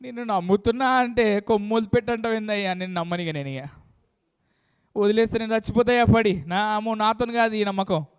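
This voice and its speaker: Man playing frantic pleading climber hanging from a branch, high voice, smooth tone, sermon story. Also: a little fast, natural voice. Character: desperate man clinging to a branch over a valley.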